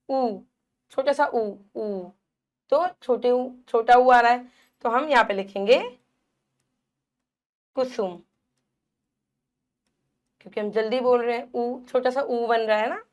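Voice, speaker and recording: A woman with a fairly high voice speaks slowly and pauses often. She is teaching young children a Hindi phonics lesson, repeating words, drawing out the vowel sounds, and posing questions that she answers herself.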